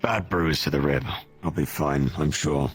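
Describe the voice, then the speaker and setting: A man playing a steady, dutiful warden, a military officer who speaks firmly and matter-of-factly in an improvised roleplay. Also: rumbling low, measured pace, breathy edge, soft background music, full character voice. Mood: weary, matter-of-fact.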